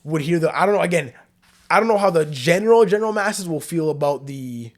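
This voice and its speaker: Young dude on a podcast, kinda high voice, loose slangy chat, lots of "like". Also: male voice, animated, brisk. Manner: laid-back, filler-heavy, loose slang. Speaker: podcast host. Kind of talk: casual chat.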